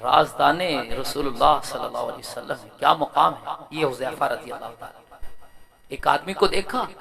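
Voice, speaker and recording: A man with a Punjabi accent preaching a Friday sermon, swinging between loud shouted bursts and low quiet asides, and chanting Arabic hadith text. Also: normal speed, vocal fry. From Pakistan.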